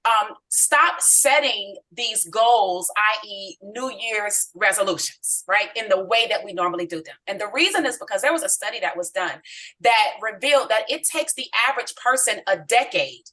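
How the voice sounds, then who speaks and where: A woman with a bright, forceful tone gives an opinionated business talk on a company call. She speaks in a measured way, full of ums and tag questions like "right?". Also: medium pitch, animated, poor audio.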